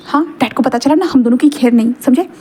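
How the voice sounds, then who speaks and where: A responsible young stepson who tries to calm quarrels and reason gently with others, voiced by a woman storyteller. High-pitched yet dark and mellow, read as a story. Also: fast, slightly rough. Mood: placating. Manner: soothing and reasoning. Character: sensible, caring young man, dutiful stepson.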